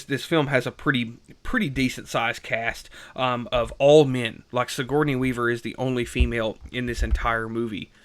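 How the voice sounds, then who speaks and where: Young male reviewer, bright voice, loose chatty delivery with many ums and restarts. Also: medium pitch, smooth. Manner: rambling, lots of fillers and restarts. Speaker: film reviewer. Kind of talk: casual unscripted review.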